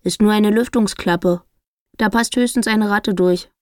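A woman reading the lines of a young man who stays calm and wryly teases. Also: mid-range voice, measured pace, no echo, studio quality, natural voice. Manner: calm, wry, unbothered. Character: young man, dry and teasing.

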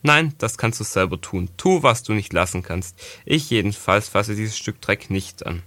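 A man's voice: lowish voice, animated, moderate pace, pushed and bright, no echo. A man voicing a bossy older boy at a castle, reproachful and scornful, in a storybook reading. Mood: disdainful.

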